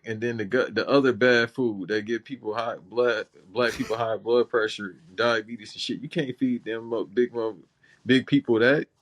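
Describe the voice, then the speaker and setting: A man from Los Angeles co-hosting a casual chat show, talking loose and slangy with lots of restarts. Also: mid-range voice. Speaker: podcast co-host.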